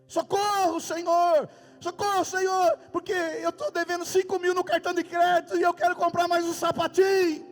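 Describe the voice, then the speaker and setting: Brief: man doing a frantic churchgoer, high shouted pleading, reverberant hall, faint music. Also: little pitch movement, moderate pace. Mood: desperate. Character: frantic churchgoer crying out for help.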